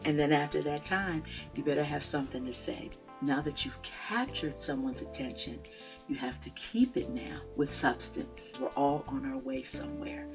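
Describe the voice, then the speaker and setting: A woman's voice: low voice, expressive, normal speed, gravelly, over music. A middle-aged woman telling a story in an inspirational talk, with an emphatic storytelling manner. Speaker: speaker.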